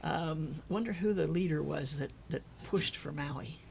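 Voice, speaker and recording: Chatty woman radio host, gravelly tone. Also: sits low, a little mellow, a little hiss or hum. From American Midwest. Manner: chatty, friendly, quick to laugh along. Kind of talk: casual radio interview.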